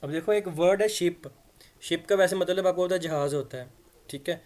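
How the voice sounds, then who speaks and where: Male grammar teacher, a bit high-pitched, chatty explainer who spells words aloud. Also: fairly quick, a little mellow. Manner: conversational, checks understanding with repeated "theek hai". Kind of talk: explanatory lesson in Hindi-Urdu.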